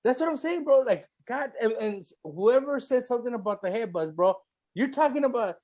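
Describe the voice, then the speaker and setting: High-pitched man with frat bro banter. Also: animated, brisk, a little mellow. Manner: frat bro slang, teasing, swearing freely. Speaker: show host. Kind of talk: casual chat.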